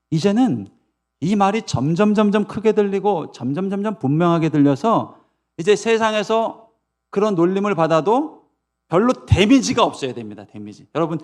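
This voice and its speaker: A man preaching a Sunday sermon in a slightly high voice. He drives each point home by repeating key words and asking the congregation questions. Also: a little mellow. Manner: emphatic, repetitive, rhetorical questions. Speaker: pastor.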